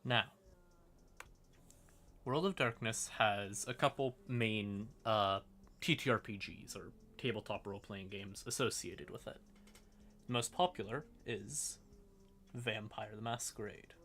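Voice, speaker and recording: His fairly low voice comes out unhurried, with frequent pauses, as he hosts a livestream. He explains things in a relaxed, folksy ramble full of y'all and howdy, muttering asides to himself while music plays softly.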